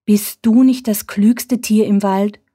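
A woman's voice: mid-range voice, fairly even intonation, slow pace, warm tone, husky, pitched above the performer's own voice. A woman voicing a small, earnest young fox who pleads for help in a storybook. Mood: pleading. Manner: eager, pleading. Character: earnest little boy fox searching.

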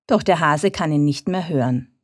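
A woman narrating a children's bedtime story in a calm, measured way. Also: low voice, dry recording, studio quality.

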